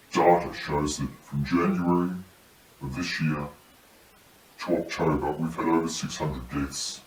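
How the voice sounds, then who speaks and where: An Australian man working as a paramedic, his voice disguised and pitched very deep, giving an earnest, measured anonymous statement that pauses mid-sentence. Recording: echoey room, distant mic, faint hiss.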